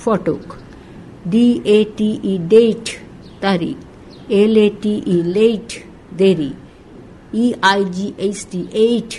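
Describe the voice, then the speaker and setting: A woman's voice: mid-range voice, extremely slow, dark tone, a little hiss or hum, rough recording. A woman reading an English textbook aloud, spelling each word letter by letter, then saying it and giving its meaning. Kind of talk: slow spelling and pronunciation drill.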